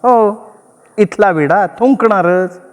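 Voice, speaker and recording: A man's voice: high voice, slow, voice pushed up. A man voicing a suspicious middle-aged wife who nags and needles her husband. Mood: needling, accusing. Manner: sharp, needling, accusing. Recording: long reverb.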